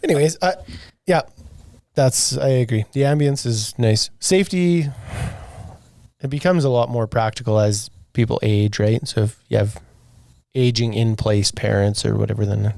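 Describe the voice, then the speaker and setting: A relaxed man chatting casually about his customers, with quick, agreeable replies. He speaks at an ordinary pitch, and the sound is dry and close. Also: creaky, dry recording. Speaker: podcast co-host, deck salesman. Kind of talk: casual chat.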